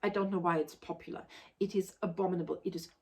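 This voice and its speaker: Forthright woman with a lowish voice. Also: steady tone, quick pace. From Austria. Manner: emphatic, articulate, forthright. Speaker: book reviewer and historian. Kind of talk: casual spoken book review.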